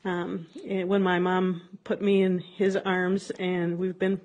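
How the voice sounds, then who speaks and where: A woman's voice: lowish voice, level tone, slow, darkish tone. A woman from Minnesota with a Minnesotan accent, recalling shared memories in a chatty, hesitant way in a recorded conversation with a friend.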